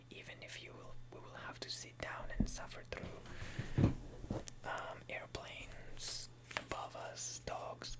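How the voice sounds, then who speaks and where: A man who is a native Hebrew speaker whispers a casual, hesitant, unhurried ASMR chat in English. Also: low-quality recording. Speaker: ASMR video maker. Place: quiet room at home at night.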